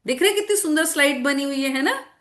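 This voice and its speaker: A woman teacher telling a scripture story to children in an online class, animated and asking them questions as she goes. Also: high voice, fast talker. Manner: animated, repeats phrases, asks children questions. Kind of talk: storytelling lesson to children with slides.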